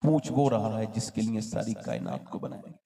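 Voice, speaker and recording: A man preaching an Islamic sermon, telling a story with passion and rising to loud shouts as he questions the crowd. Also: on the low side, moderate pace, gravelly. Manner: addresses the crowd directly with questions.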